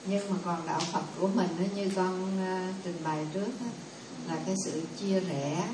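A woman's voice: fairly low pitch, steady tone, normal speed, noisy background. A woman in the audience giving her view at a temple discussion, earnest, deferential and rambling. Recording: distant voice in an echoey hall.

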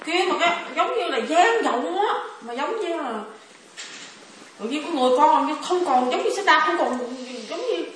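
A woman with a high, bright voice describes what happened to her in halting bursts, often repeating words. She sits away from the microphone, and the room echoes heavily. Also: expressive, a little hiss or hum. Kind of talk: emotional personal testimony. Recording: echoey room, far from mic.

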